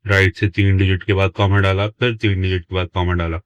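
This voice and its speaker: A man's voice: sits low, little pitch movement, dry recording, highs cut off. A man teaching a maths lesson, explaining step by step and dictating numbers word by word as he writes them. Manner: slow, deliberate, dictates numbers word by word while writing.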